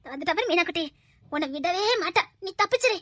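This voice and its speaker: A woman's voice: very high-pitched, animated, fast, bright, forceful tone, heavily acted. A woman playing a scheming mother-in-law who scolds her son, in a Tirunelveli Tamil accent. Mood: scolding. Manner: sly, scolding.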